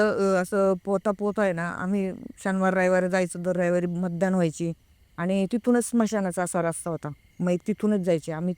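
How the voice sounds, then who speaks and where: A woman tells a first-person story in a smooth, clear voice with a dry, close sound. She talks casually, often stops to search her memory and acts out other people's words as she goes. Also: medium pitch, no echo. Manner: hesitant, pauses often to recall details; reenacts a friend's frightened words. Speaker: guest recounting a personal experience.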